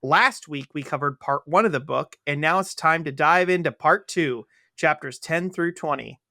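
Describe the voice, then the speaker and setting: Man, podcast co-host, chatty and enthusiastic, slightly high voice, gravelly. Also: normal speed, sharp tone, dry recording, clean studio sound. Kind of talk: casual podcast book-club chat.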